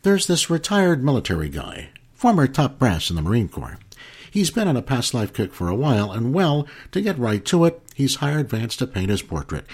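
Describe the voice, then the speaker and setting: A man's voice: mid-range voice, breathy edge, pitched above the performer's own voice, heavily acted. A man voicing a brassy female talent agent who gushes and flirts, calling people honey. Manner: flirty, gushing, calls everyone honey.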